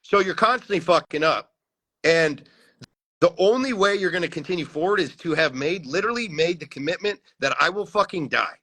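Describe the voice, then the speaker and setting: Intense, swearing man, bright voice. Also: fairly high pitch, lively intonation, brisk. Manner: intense, heavily profane, emphatic. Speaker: podcast co-host. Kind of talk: casual chat.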